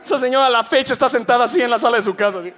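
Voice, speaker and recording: Mexican guy doing stand-up, really high voice, slangy storytelling. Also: racing, noisy background. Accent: Mexican Spanish. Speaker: stand-up comedian. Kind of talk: live stand-up routine. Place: auditorium stage, live show.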